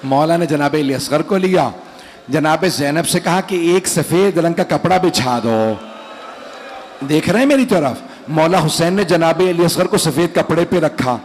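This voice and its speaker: A man's voice: on the high side, slight background noise. A man, a cleric, delivering a mournful Muharram majlis sermon and speaking straight to his listeners. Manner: mournful, emotional storytelling that addresses the audience directly.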